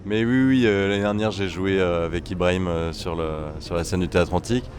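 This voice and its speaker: A man's voice: sits low, steady tone, brisk. A young man, a musician, talking casually in an interview with many hesitant fillers and restarts. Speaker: trombonist and bandleader. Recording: music faintly behind.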